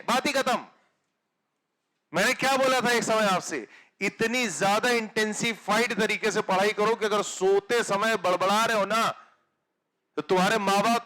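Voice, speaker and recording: A man teaching physics to exam students in Hindi, with a north Indian accent, giving a blunt motivational talk that moves between soft asides and loud urging. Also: high voice. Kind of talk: motivational classroom lecture.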